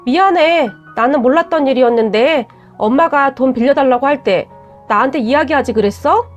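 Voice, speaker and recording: A woman's voice: high voice, a little fast, soft background music, natural voice. A woman doing a curt, defensive young fiancé. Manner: blunt and scolding.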